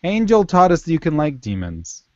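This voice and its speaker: A man co-hosting a casual fan discussion podcast, talking in halting, animated bursts with restarts. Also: fairly high pitch, a loud crowd. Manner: animated, halting restarts, quotes lines in a raised voice. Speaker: podcast co-host. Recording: dull lo-fi podcast audio.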